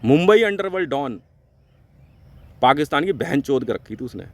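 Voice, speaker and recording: A man from India ranting angrily and swearing heavily in a vlog, jumping between loud outbursts and low mutters. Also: very animated, normal speed. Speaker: vlogger. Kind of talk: angry profane rant to camera.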